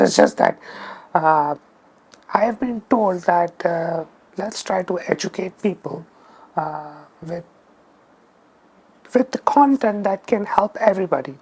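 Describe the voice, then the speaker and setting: A woman with a North Indian accent talking casually as a photography vlogger, haltingly thinking aloud. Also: on the low side, creaky, a little mellow, husky. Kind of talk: casual vlog talk to camera.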